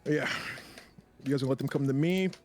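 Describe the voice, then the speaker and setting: A man's voice: medium pitch, a little fast, a little mellow, a little hiss or hum. A man playing a tabletop role-playing game, chatting loosely and laughing often, with casual profanity. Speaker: player. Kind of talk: tabletop role-play chat.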